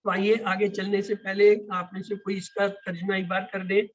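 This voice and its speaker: A man's voice: high-pitched, completely flat delivery, dull audio. A man teaching an online Quran class, explaining words and asking the class questions. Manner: explains and asks questions, repeats key words.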